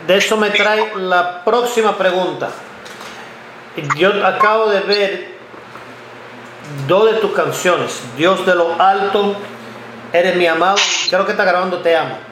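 A fifties-aged man with a fairly high voice hosts an interview, stumbling and restarting his sentences as he tells a story. His voice carries a noticeable room echo, with steady noise behind it. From United States (Ohio). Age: 50s. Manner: halting, repeats words often while telling a story. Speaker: interviewer, blogger and journalist. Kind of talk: conversational interview. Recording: echoey room with background noise.

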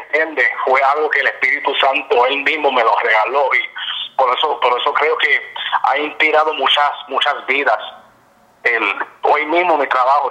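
A man, a gospel singer and minister, tells his story in an interview with fervor, slipping English fillers into his talk. His voice is very bright and forward. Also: mid-range voice, rough recording. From United States. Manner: fervent, mixes in English fillers.

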